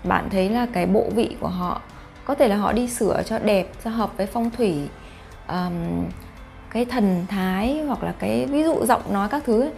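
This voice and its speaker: A woman YouTube vlogger talks to camera about face reading, speaking casually to her viewers and often posing rhetorical questions. Her mid-range voice has vocal fry and a darkish tone at a normal speed, with soft music in the background.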